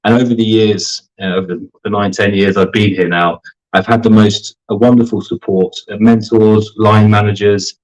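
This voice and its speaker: Brief: man in his 30s, interview guest, slightly low pitch, articulate and orderly. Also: little pitch movement, moderate pace, low-quality recording. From grew up in Germany, the UK and Canada. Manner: articulate, organized, lists points in order. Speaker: sports marketing team leader, guest. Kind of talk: conversational interview answers.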